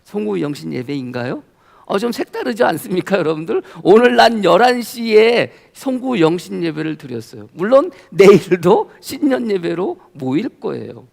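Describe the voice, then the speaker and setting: A middle-aged male pastor giving a sermon, telling a story and growing animated as he retells it. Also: high voice, moderate pace, creaky. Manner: storytelling, grows animated and loud when retelling.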